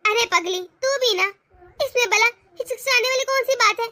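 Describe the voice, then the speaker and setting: A gentle young sister-in-law soothes and indulges, voiced by a woman. The voice is very high and bright. It is a homemade family drama with a dry, close sound. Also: moderate pace, no room sound. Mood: soothing.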